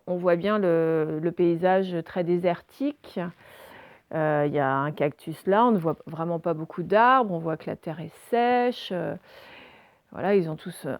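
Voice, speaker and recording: A woman's voice: lowish voice, dry recording. A woman teaching reading and handwriting to young children remotely, recorded on a phone, explaining step by step with frequent hesitations. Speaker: primary school teacher.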